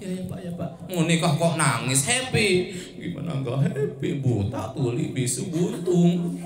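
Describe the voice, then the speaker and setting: A man's voice: fairly high pitch, very animated, unhurried. A man doing a timid, fretful young bachelor. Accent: Sundanese. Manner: pleading, fretful, softer voice. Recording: echoey, distant, crowd noise.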